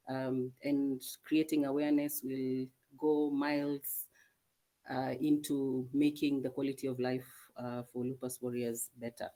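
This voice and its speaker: A woman dermatologist answering panel questions over a video call, measured and full of hesitant ums. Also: extremely low pitch. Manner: measured, many hesitant ums, soft-spoken. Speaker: dermatologist guest.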